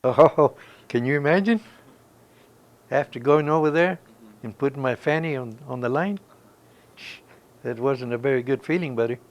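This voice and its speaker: A man's voice: medium pitch, moderate pace, long pauses, lo-fi sound. An older man from Kansas, a veteran recalling his past in a rambling, emphatic way, full of "you know". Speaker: veteran interviewee. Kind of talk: oral history recollection.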